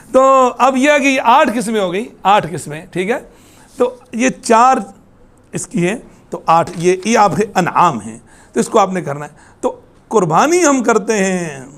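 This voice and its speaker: High-voiced man teaching a Quran class. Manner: quizzes the class with repeated questions; chants Quranic verses slowly. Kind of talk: religious class lecture.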